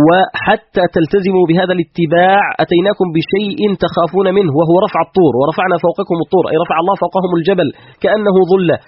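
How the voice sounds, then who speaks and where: A man's voice: high-pitched, husky, dull audio. A man as guest scholar explaining scripture in a religious lecture, emphatic and full of rhetorical questions.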